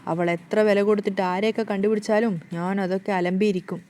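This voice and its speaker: A woman's voice: mid-range voice, steady tone, quick pace, darkish tone, close to an everyday voice. Sulky young husband, read by a woman. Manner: pleading, sulky.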